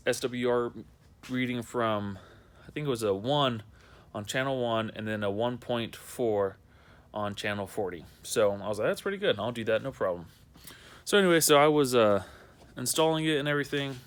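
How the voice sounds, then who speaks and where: In a smooth, mid-range voice, a young amateur video maker casually shows off a car project. His unscripted how-to talk wanders and circles back on itself.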